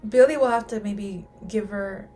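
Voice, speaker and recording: A woman's voice: medium pitch, normal speed, a little hiss or hum. A woman hosting a casual reaction video, speculating aloud to her viewers and gasping and exclaiming at the screen. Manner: excitable, gasps and exclaims at the screen.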